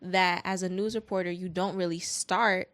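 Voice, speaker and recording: A young woman, co-hosting a podcast in relaxed, casual chat. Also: on the low side, moderate pace, no echo. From New York. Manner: relaxed, conversational, trails off and restarts. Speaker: podcast co-host.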